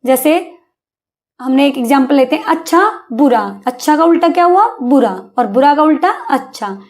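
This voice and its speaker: A woman teaching a Hindi vocabulary lesson to children, coaxing them with "hai na?" and spelling words out slowly. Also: sits high, lively intonation. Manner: coaxing, calls listeners beta, asks "hai na?".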